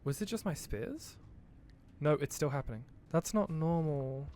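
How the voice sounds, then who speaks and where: Male gamer, higher-pitched voice, slow hesitant let's play commentary, thinks aloud, jumpy. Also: lively intonation, a little mellow.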